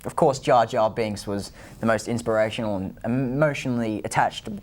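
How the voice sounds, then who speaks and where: A man's voice: fairly low pitch, moderate pace, natural voice. A man playing a fawning talk show host. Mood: admiring. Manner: talk show host patter, gushing agreement. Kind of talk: parody celebrity interview.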